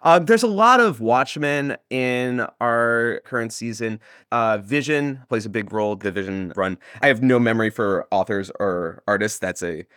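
This audio drama creator, speaking in a mid-range, fairly bright voice that is clear and resonant, talks at a normal speed in a studio-quality, echo-free recording. His casual, lively interview chat rambles, jokes around, and frequently cuts itself off.

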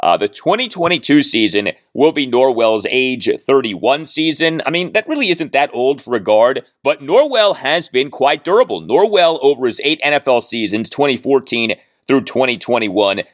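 Male host, solo football analysis, very animated delivery, dead-dry room. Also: medium pitch, moderate pace, no room sound. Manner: lively, emphatic, repeats key points. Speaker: podcast host. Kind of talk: solo sports podcast analysis.

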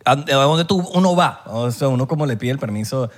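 A man's voice: medium pitch, animated, a little fast. A man with a Venezuelan accent chatting loosely on a casual podcast, joking and swearing. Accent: Venezuelan Spanish.

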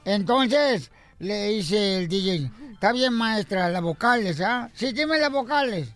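A man's voice: high-pitched, slow, soft background music. A man hosting a radio show, telling jokes and acting out the characters in them. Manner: animated, acts out joke characters with shifting voices.

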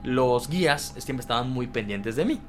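A man in his twenties with a Mexican accent, a podcast guest telling a personal story in casual chat. He talks in an animated, slangy way, halting often to restart his words. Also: mid-range voice, faint music behind. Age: 20s.

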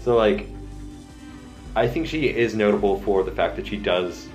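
Deep-voiced rambling male podcast host. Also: normal speed, darkish tone, soft background music. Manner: rambling, many fillers and laughs. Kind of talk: casual music discussion.

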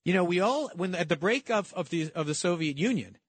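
A man's voice: high voice, lively intonation, brisk, no echo. A man co-hosting a political talk show, arguing emphatically and repeating words as he builds each point.

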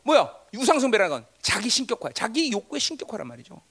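A middle-aged male pastor delivers a sermon in a high, wildly swooping voice. He rattles along at a brisk clip, keeps prodding the congregation with quick questions, and drops from loud bursts to near-whispers. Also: slightly rough. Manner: animated preaching, constant rhetorical prompts, swings between loud and hushed.

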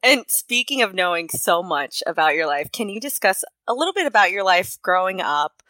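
A woman hosting a podcast, asking interview questions in a calm, conversational way. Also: medium pitch, moderate pace, no echo. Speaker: podcast host.

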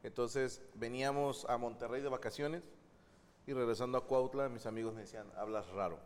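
A man's voice: mid-range voice, steady tone, a little fast, a little mellow. A man, a comedian co-hosting a chat, telling crude anecdotes with acted-out quotes. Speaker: comedian, podcast co-host. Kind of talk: casual comedic storytelling. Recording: reverberant room with faint ambient noise.

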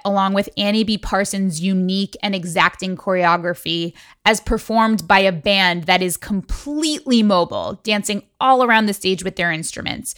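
A woman hosts a podcast in an articulate, enthusiastic voice that sits at a middle pitch. The sound is close and dry, with no room around her. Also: a bit bright, no room sound. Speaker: podcast host. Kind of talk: scripted intro then interview questions.

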